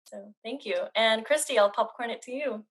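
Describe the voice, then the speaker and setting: A woman's voice: on the high side, moderate pace. A woman introducing herself on an online panel in a friendly, casual way. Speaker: program coordinator. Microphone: video call.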